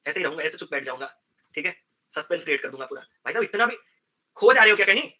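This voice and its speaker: A male math teacher who talks at a rapid clip with a sharp, bright tone and a high-pitched voice. He runs a lively exam-prep lesson, acting out back-and-forth exchanges with his students. He mixes English terms into his Hindi.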